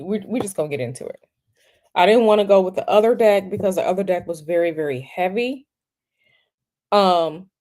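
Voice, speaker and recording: On her tarot livestream, a woman speaks casually but haltingly, repeating herself and using lots of fillers. Her medium-pitched voice is warm, and she sniffles from a cold.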